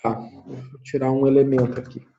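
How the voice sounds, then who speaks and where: A man's voice: mid-range voice, little pitch movement, moderate pace, creaky, warm tone, dull audio. A man with a Brazilian Portuguese accent teaching an online class, explaining step by step, thinking aloud and often checking in with his listeners. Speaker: university lecturer. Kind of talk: online lecture with screen sharing.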